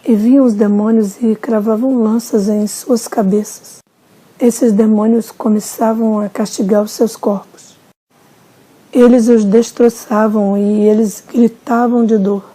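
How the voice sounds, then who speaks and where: A woman narrates a religious testimony in a solemn, unhurried way. Her voice sits a little high, with a mellow, darkish timbre. A husky breathiness runs through every phrase. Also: little pitch movement. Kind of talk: slow dramatic testimony narration.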